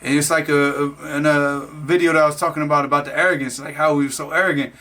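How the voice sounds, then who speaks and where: Bright-voiced man telling his life story. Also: a little high, steady tone, fast. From Florida, USA. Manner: rambling, many fillers and restarts, laughs at himself. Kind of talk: casual spoken storytelling.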